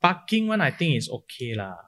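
A man's voice: fairly high pitch, very animated, brisk, a bit bright. A man with a Singaporean accent in casual, opinionated banter, speaking colloquial Singlish peppered with sentence particles.

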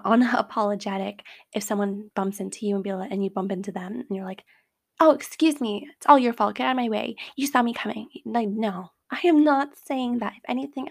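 A woman hosting a casual advice talk, speaking in a chatty way with lots of fillers like "like.". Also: fairly high pitch. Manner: acts out quoted remarks in a brighter voice. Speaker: host giving advice.

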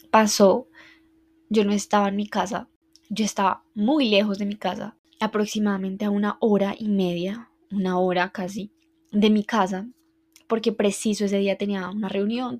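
Flat-voiced woman telling a story. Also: medium pitch. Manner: reflective, heartfelt, halting recounting. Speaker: podcast host. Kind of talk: personal storytelling monologue.

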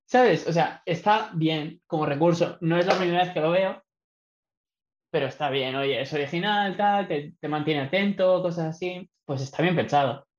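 A man's voice: on the high side, moderate pace. A man from chatting casually about a film, meandering and hedging in a laid-back way. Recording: echoey, dull lo-fi sound.

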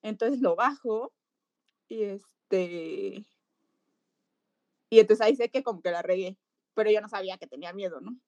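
A woman with a Mexican accent, a physiotherapist telling a lively story in an interview and acting out voices. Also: medium pitch, moderate pace, long pauses, no echo, dull audio. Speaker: pediatric physiotherapist.

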